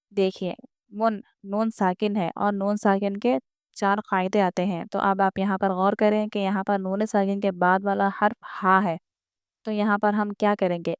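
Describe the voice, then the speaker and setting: A woman teaching a beginner lesson on reading the Quran, patient and repetitive, drawing out example words slowly. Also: medium pitch, clear, resonant tone, dry recording, studio quality. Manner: patient, repeats each rule, draws out example words slowly.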